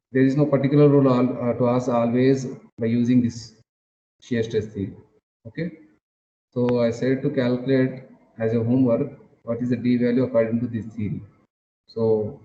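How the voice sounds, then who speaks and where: A man teaches an engineering class over an online call, heard through a screen recording. His voice is dark and mellow, and his phrasing stops and restarts with repeated words and fillers. The sound is dull, lo-fi and roomy, with faint noise behind. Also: mid-range voice. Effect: screen-recorded online class audio. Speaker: engineering lecturer.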